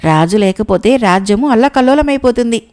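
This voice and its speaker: A woman's voice: fairly high pitch, expressive, brisk, a little mellow, lightly acted. A woman voicing a foolish, whimsical, short-tempered male king who gives bossy commands in a storybook.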